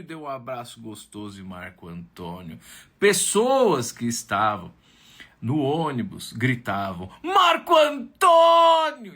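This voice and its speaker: A man with a Brazilian Portuguese accent, a camp storyteller telling a tale aloud in an animated way with tag questions. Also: medium pitch. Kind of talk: oral storytelling.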